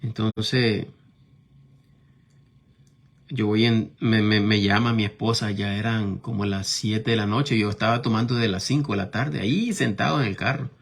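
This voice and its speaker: In a lowish, husky voice with vocal fry, this middle-aged man from Nicaragua delivers a sermon and personal testimony at an unhurried pace and with fairly even intonation. He keeps it conversational, constantly checking in with listeners using tag questions.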